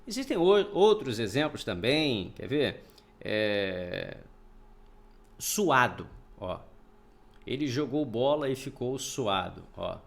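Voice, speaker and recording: A man's voice: medium pitch, sing-song, slow pace, creaky. A man teaching a recorded grammar lesson, explaining step by step, often checking in with his students and sounding out words syllable by syllable. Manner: explanatory, repeats points, checks in with "tá?". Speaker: Portuguese teacher.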